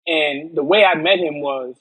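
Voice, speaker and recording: A man's voice: a little high, normal speed, a bit bright, husky, no room sound, low-quality recording. A man from upstate New York, a podcast guest telling his personal story earnestly, often restarting and repeating words.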